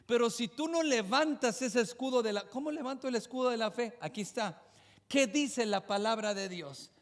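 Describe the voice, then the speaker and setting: A man's voice: very high-pitched, normal speed, long reverb tail. A man preaching a fervent sermon as a pastor, repeating his points and firing off rhetorical questions.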